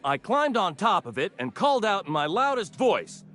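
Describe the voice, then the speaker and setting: An actor playing a brash, hotheaded salvager in a video game, blustering and indignant. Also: male voice, high-pitched, sing-song, normal speed, fairly bright tone, a little hiss or hum. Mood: aggrieved. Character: brash squabbling male salvager, hotheaded drinker.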